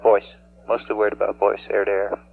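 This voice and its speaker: A man's voice: on the low side, monotone, a little fast, vocal fry, breathy edge. A man acting as flight director, talking technically and insistently over a mission control radio loop. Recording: noisy, humming, phone-like radio loop.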